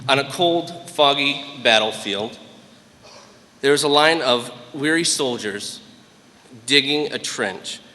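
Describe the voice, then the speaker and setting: An American man in his late thirties delivers a commencement speech in an earnest, conversational way. His voice is bright and forceful, at a middle pitch, and rings with long hall reverb. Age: late 30s. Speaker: guest graduation speaker, military master sergeant. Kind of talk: motivational commencement speech with storytelling.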